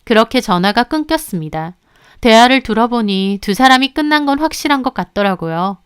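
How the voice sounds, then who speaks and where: A woman's voice: on the high side, lively intonation, brisk, smooth, no echo, clean studio sound. A young adult woman narrating a first-person story in an indignant, matter-of-fact way. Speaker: narrator of a reader-submitted story.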